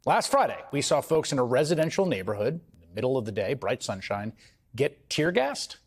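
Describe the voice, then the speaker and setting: A man's voice: mid-range voice, sing-song, fairly quick, breathy edge. A man anchoring a news broadcast, reading a scripted report with earnest emphasis from a studio.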